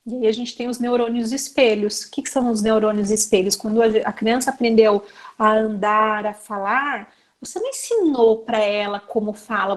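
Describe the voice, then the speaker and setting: A Brazilian woman with a Brazilian Portuguese accent, teaching a class to educators in a chatty, conversational way and often turning to her listeners. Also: on the high side. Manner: chatty, addresses the audience directly with frequent fillers. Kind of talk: conversational lecture.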